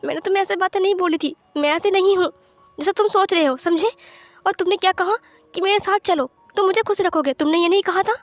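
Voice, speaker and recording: Indignant young man, stammering and defensive, voiced by a woman narrator, pitched high for the role, storybook reading. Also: fast talker, hardly any pauses, dry recording, close to an everyday voice. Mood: upset, protesting. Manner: stammering, protesting.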